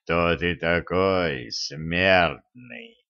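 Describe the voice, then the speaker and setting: A giant male stone monster rumbles out his threats in a booming, hollow voice, as a male audiobook reader puts him on. He drags each word out slowly and mockingly, low in pitch. The recording sounds dull and lo-fi. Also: clear, resonant tone, full character voice. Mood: menacing. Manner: slow, drawn-out threatening speech.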